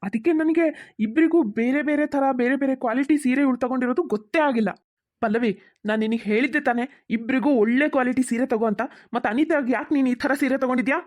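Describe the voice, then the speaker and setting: A woman voicing a grown son and husband in a cartoon, who questions firmly and quickly. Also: sits high, a little mellow, no echo, clean studio sound, lightly acted.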